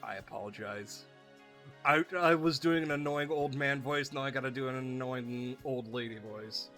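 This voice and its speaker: A man's voice: mid-range voice, moderate pace, a bit bright, soft background music. A man giving casual, joking commentary while playing a video game. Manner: chatty, joking, reads game lines aloud in silly voices. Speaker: gameplay streamer. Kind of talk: casual let's-play commentary.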